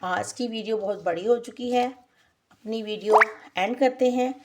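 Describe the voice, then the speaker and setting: A woman with a Pakistani Urdu accent and a slightly high voice explains a worksheet step by step. She spells out letters one at a time and keeps checking in with short, patient asides, in the easy tone of a home lesson. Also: moderate pace, background noise. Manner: patient, spells letters aloud, frequent "theek hai" checks. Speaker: teacher.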